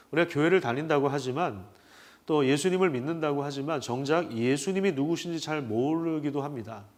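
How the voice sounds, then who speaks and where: Male pastor, sermon delivery, somewhat high pitch, rhetorical questions, hesitant fillers.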